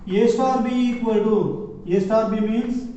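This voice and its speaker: A man with a Telugu South Indian accent teaches mathematics step by step, dictating and deliberately repeating phrases. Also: high voice, warm tone. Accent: Indian, Telugu-speaking south. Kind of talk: classroom lecture, step-by-step proof. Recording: muffled, very echoey, distant, noisy room.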